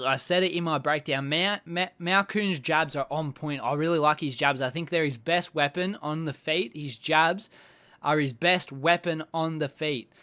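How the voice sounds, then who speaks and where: A man's voice: fairly high pitch, bright, forceful tone. A man recapping fight-night bouts in casual chat, blunt and swearing constantly as he rants at the fighters. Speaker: MMA recap host.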